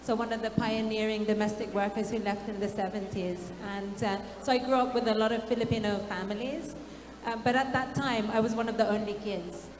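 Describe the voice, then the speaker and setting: A woman's voice: a little high, fairly even intonation, a little fast, darkish tone. A woman startup founder from the United Kingdom, sharing a personal story on a conference panel. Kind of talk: panel talk. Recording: echoey, reverberant event hall.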